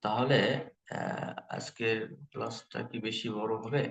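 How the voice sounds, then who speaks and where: A man teaching Quran recitation in an online lesson, patiently repeating each letter sound slowly for learners. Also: mid-range voice, steady tone, gravelly, reverberant.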